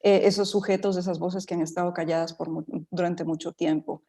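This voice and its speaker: A woman's voice: fairly low pitch, fairly even intonation, fairly quick, warm tone. A middle-aged woman from Ecuador speaking as a panelist in an online talk, thoughtful, with many fillers and restarts.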